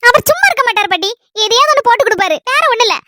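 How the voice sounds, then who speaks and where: Woman as a young newlywed granddaughter, kanyakumari accent, very high bright voice, quick polite replies. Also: lively intonation, dry recording, studio quality, heavily acted. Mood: gentle. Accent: Kanyakumari Tamil. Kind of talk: comedy skit.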